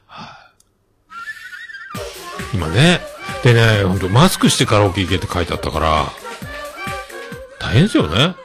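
Chatting on his own relaxed podcast, this middle-aged host reads out listener messages and laughs a lot. His pitch swings widely at a moderate pace, broken by long pauses. He jumps up to a high falsetto to demonstrate singing, over background music.

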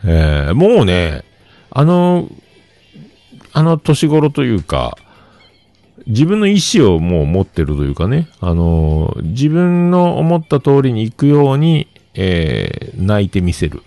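A man's voice: medium pitch, takes it slowly, dry recording. A man, telling rambling stories in a casual solo livestream. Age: 50s. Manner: animated, rambling anecdotes with many fillers. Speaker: livestream host.

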